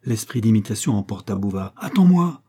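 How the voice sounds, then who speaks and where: A man narrating a classic novel as an audiobook, with measured, even reading. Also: fairly low pitch, breathy edge.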